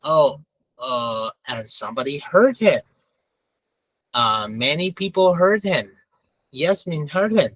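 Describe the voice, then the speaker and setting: A man's voice: a little high, lively intonation, takes it slowly, long pauses, fairly bright tone, no echo, low-quality recording. A man teaching a grammar review, repeating points often with frequent "uh" and "right?" checks. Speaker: English teacher.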